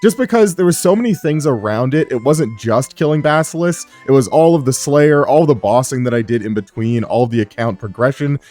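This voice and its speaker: A gaming YouTuber rambles casually over his gameplay in a mid-range voice, talking a little fast with hardly any pauses and plenty of "uh" fillers. He sounds a bit sick, his low voice strained as he pushes it up slightly. Soft music plays behind him.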